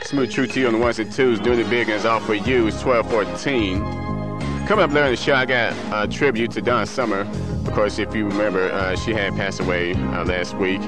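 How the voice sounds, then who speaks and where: With music in the background, a man reads local news, sports and weather in a radio studio, fairly quickly and in a steady tone; his pitch is fairly low. As a newsreader and music show DJ, he uses a local broadcast style and sometimes slips and corrects himself.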